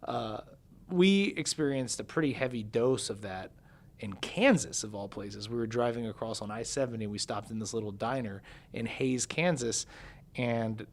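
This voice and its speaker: A man's voice: medium pitch, normal speed, a little hiss or hum. A male musician guest in an interview, earnestly recounting an experience and translating for his partner. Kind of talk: conversational interview.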